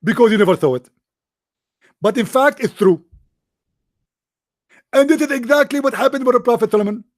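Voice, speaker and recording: A man's voice: extremely high pitch, animated, moderate pace, long pauses, no room sound, studio quality. A man arguing insistently in a debate clip, speaking English with broken grammar. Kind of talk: emphatic debate argument.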